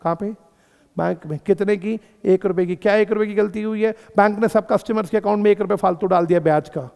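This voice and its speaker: High-voiced man lecturing a class. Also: fairly even intonation, vocal fry, a little mellow, in a large hall. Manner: asks students questions and repeats key phrases slowly; addresses students as beta and friends. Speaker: accountancy teacher.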